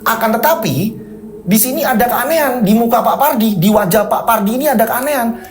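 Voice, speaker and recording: A man telling a spooky story in a casual, chatty way, often tossing in tag questions. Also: high-pitched. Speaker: horror story narrator.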